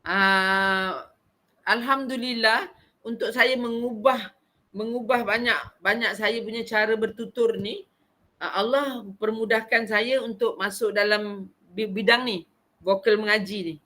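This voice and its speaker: A middle-aged Malaysian woman teaching a vocal recitation class in a frank, talkative way. Her voice sits a little high and has a bright, forceful edge. She talks in a lively, expressive manner. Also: measured pace. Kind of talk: conversational class talk.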